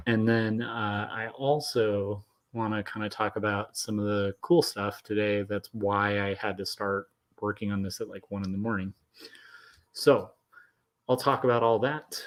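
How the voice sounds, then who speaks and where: A comic artist in his thirties chats casually on a late-night live stream from his home studio. His lowish voice stays soft and quiet so he won't wake the rest of the household. His talk is loose and rambling, packed with likes and ums.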